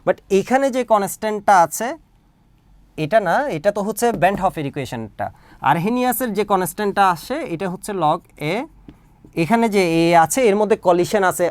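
Man, online tutor, clear and smooth delivery, dry close sound, methodical and quizzing the class as he goes. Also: sits high, dry recording. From Bangladesh. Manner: explains step by step, often checks understanding with questions. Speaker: chemistry tutor. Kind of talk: recorded online lesson.

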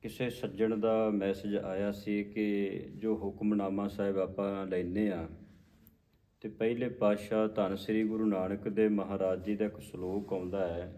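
A man from Punjab teaching how to pronounce scripture, repeating words slowly syllable by syllable. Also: lowish voice, level tone, dark tone. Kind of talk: scripture recitation lesson.

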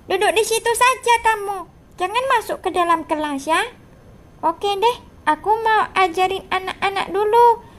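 Woman doing a grumpy strict teacher guy for a game roleplay, super high squeaky voice. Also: normal speed. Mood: scolding. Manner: scolding, bossy. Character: stern strict male schoolteacher. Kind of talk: game role-play voicing.

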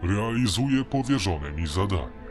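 A man doing a hulking security robot with a rough, metallic robot voice that sits low and sounds set back from the listener. It delivers clipped, formal lines with cold machine duty, like a guard unit in an audio story, with soft music beneath. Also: big pitch swings, normal speed. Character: towering male security robot, cold and dutiful. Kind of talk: audiobook narration.

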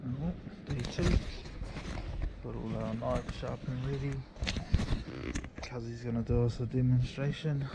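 A man's voice: medium pitch, measured pace, pauses often. A man making brief, slangy remarks as he films a casual vlog. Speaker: vlogger behind the camera. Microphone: handheld action camera. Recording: noisy handheld outdoor camera audio.

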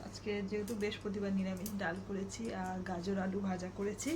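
A woman's voice: mid-range voice, level tone, a little fast. Chatty woman vlogging at home. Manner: rambling homely chat addressed to viewers; speaks softly so a sleeping child won't wake. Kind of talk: casual chatty daily vlog. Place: home, indoors. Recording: noisy home phone recording.

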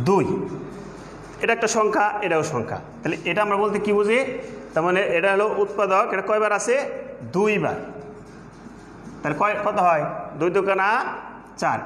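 A man's voice: high voice, a bit bright, a little hiss or hum. A Bangladeshi man with a Bengali accent teaching a classroom math lesson, asking questions and then answering them himself. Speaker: assistant teacher. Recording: echoey room with long reverb.

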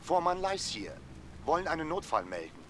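A man's voice: on the high side, big pitch swings, moderate pace, fairly bright tone. A man voicing a lifeboat coxswain who reports an emergency over a marine radio call, in clipped, formal words. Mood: urgent report. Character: calm male coxswain of a rescue boat. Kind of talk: scripted game dialogue. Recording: noisy game audio.

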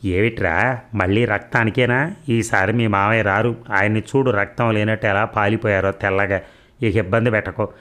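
A man voicing a sharp-tongued, anxious housewife in her sixties who scolds and mocks in a sarcastic way. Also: fairly low pitch, steady tone, normal speed, lightly acted. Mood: scolding, worried.

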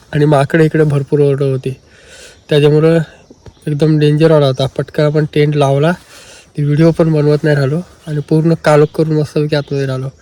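A man with a Marathi Konkan accent, chatting casually to viewers during a night camping vlog in the forest, repeating phrases and often speaking low. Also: dark tone, no room sound. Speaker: camping vlogger. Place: outdoors at night in a forest by a river.

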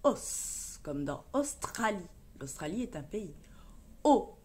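A woman teacher with a French accent leading a reading lesson for young children, sounding out words and syllables slowly and clearly. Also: fairly low pitch, very animated. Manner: slow, clear syllable-by-syllable modeling. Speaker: primary school teacher.

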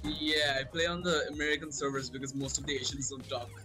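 A young man from Bangladesh chatting in a relaxed, plain way over voice chat, mid-pitched. Faint game music runs behind him. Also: fast. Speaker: squad mate. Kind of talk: casual gaming chat.

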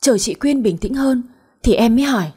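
A woman narrating a radio story in a gentle, even tone, reading every character's lines herself. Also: a little high, normal speed, slightly rough.

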